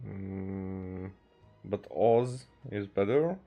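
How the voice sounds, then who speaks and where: A Hungarian game streamer provides casual live commentary, thinking aloud hesitantly while he plays. His voice is low-pitched and very slow, the audio narrow and tinny, with game music behind him.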